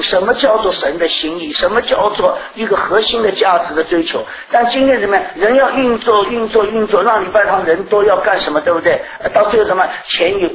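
A woman's voice: mid-range voice, fairly bright tone. A middle-aged woman preaching a sermon in an earnest way, often asking rhetorical questions and repeating herself. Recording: roomy echo.

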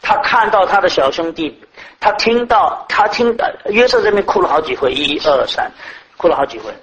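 Delivering a sermon to his congregation, a preacher poses question after rhetorical question, shifting between loud, forceful lines and quiet, low passages. His husky voice is animated and moves at a moderate pace. The recording sounds muffled.

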